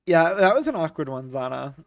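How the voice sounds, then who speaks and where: A streamer recovering from a cold sounds sniffly as they chat casually with viewers during a live game stream, reading chat aloud, cracking jokes, swearing freely and laughing often. The voice is mid-range and sing-song, a little fast, with vocal fry, and sits far from the mic.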